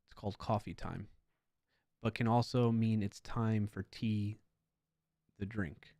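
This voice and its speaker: A man's voice: lowish voice, fairly even intonation, slow pace, warm tone, no echo, studio quality. Chatty man hosting a coding stream. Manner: chatty, talks to chat, rambling asides. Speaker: livestream host. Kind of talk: casual live coding stream chat.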